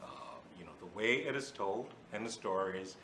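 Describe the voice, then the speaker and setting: A man's voice: fairly low pitch, lively intonation, normal speed, a bit bright, roomy sound, a little hiss or hum. A young man from Ghana, a student moderating a Q and A, speaking hesitantly with many fillers. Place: event hall.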